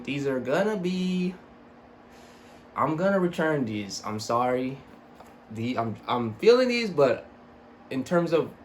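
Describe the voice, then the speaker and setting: In a small home room with a computer desk, a young man talks through a casual, rambling sneaker review, sweary and self-deprecating. Braces make his speech slightly slurred, and his voice is medium-pitched. Slight background noise is present.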